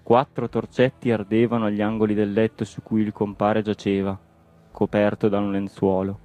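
A man narrating a story in a measured, expressive reading. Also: on the low side, soft background music.

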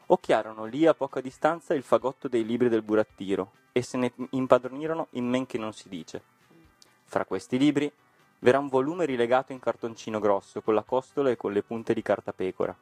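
A man narrating a classic storybook with a lively, expressive reading. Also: on the low side, no room sound.

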